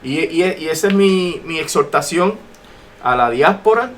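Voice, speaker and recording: Heard over noisy AM radio, a guest from Puerto Rico gives emphatic political commentary in a Puerto Rican accent, using repetition for emphasis. His unhurried voice is a little high, expressive, and somewhat bright.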